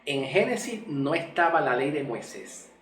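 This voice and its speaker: A man teaching scripture slowly at a whiteboard, repeating and spelling out key words. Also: fairly high pitch, sing-song, fairly bright tone, slight background noise. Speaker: Bible teacher. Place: room with a whiteboard. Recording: echoey room, mic far off.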